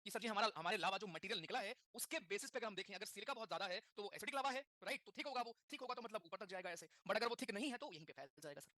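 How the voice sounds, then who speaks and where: Rapid, bright-voiced male teacher. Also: high-pitched, expressive, no echo, clean studio sound. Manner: rapid Hindi-English mix, repeats key terms, asks the class questions. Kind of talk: classroom lecture.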